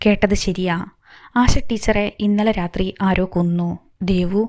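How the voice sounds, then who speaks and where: A woman's voice: medium pitch, fairly even intonation, slow pace, darkish tone, no echo, studio quality. A woman reading a novel aloud as an audiobook storyteller, voicing every character in her own plain voice.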